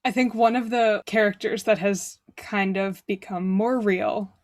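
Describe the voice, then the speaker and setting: A woman's voice: medium pitch, steady tone, measured pace, no room sound. A young woman hosts a casual podcast discussion in an easygoing, conversational way. She often circles back and restarts her phrases as she thinks aloud. Her voice sits in an ordinary middle register. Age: young adult. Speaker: podcast host.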